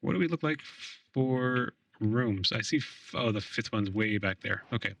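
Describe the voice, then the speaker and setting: A man's voice: lowish voice, expressive, normal speed, a bit bright, far from the mic. A man streaming a game live through a voice changer, chatting casually with viewers while he plays.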